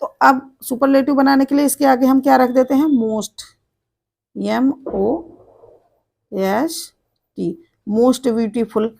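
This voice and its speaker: A woman teacher walks through grammar rules at an unhurried pace, spelling each word out letter by letter and saying it again. Her voice sits a little high and carries a gravelly edge. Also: flat delivery, a little mellow. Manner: slow, spells words letter by letter and repeats them. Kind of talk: board lesson, explaining step by step.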